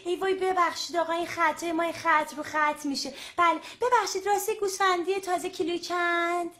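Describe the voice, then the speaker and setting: A woman's voice: very high voice, fairly even intonation, sharp tone. A woman presenting on the radio, making comic phone calls, polite, chatty and always apologizing.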